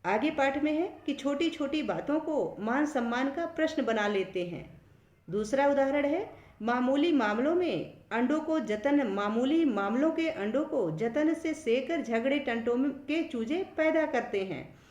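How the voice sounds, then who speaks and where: High-voiced woman teaching in an echoey room. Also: lively intonation, measured pace, a little mellow, highs cut off. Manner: patient, repeats each point in simpler words. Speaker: Hindi teacher. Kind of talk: explaining a school lesson.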